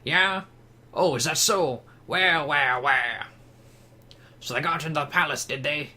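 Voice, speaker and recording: A man's voice: on the high side, measured pace, sharp tone, exaggerated voice. A man putting on a sly, nasal voice for a scheming crook while reading game dialogue.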